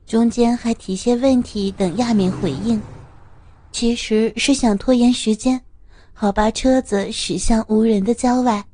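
A woman narrating an audio story in a smooth, steady reading voice. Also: a little high, no room sound.

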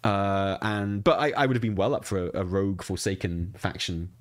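A man's voice: low-pitched, moderate pace. A man co-hosting a gaming podcast, talking casually with lots of restarts and plenty of enthusiasm. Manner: hesitant restarts, lively and enthusiastic. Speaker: podcast co-host.

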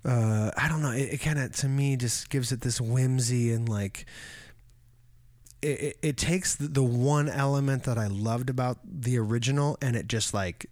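A man co-hosting a relaxed conversation, rambling through a story with plenty of swearing. His pitch sits in an ordinary middle range. The sound is close and dry, with no room in it. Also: normal speed, no room sound. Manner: rambling, animated storytelling with swearing and mimicked voices. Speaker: podcast co-host. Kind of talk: casual chat.

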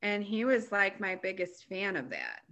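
A woman's voice: medium pitch, huge pitch swings, normal speed, fairly bright tone. A woman receiving a psychic reading over a call, speaking hesitantly and carefully. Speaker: client at a reading. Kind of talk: casual conversation.

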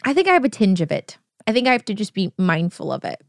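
Brief: young actress co-host, casual storyteller, dry close sound, middle pitch. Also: female voice, fast, vocal fry, dry recording. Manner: animated storytelling, heavy use of "like". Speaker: podcast co-host; actor. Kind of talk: casual chat.

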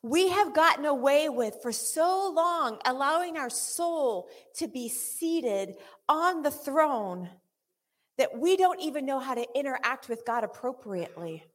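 Animated woman preaching a charismatic sermon. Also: unhurried, long reverb tail. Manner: animated, acts out quotes of God and the congregation; shifts from playful to low and intense. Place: church meeting room.

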